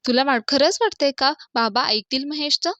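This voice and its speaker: A woman's voice: high voice, moderate pace, bright, forceful tone, dry recording. A woman voicing a timid young sister-in-law who hesitates to stand up to the family. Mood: hesitant. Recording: dull dry lo-fi recording.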